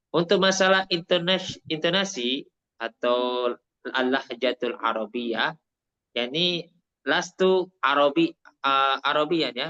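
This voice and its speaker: A man from Indonesia with a Javanese accent, teaching Arabic in an online class, mixing Arabic and Indonesian and repeating things slowly to explain. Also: medium pitch, sharp tone, muffled recording.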